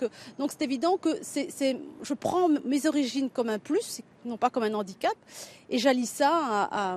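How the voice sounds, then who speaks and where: Thoughtful Belgian woman, halting answers. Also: fairly high pitch, darkish tone, a little hiss or hum. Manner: thoughtful, many hesitations and restarts. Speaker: writer and local election candidate. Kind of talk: interview answers.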